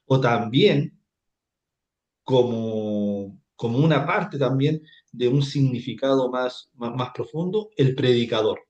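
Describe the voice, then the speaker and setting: A man's voice: medium pitch, takes it slowly, a little mellow, muffled recording. Man, Bible teacher, classroom lecture, repetitive, echoey room. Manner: repetitive, asks "¿cierto?" often.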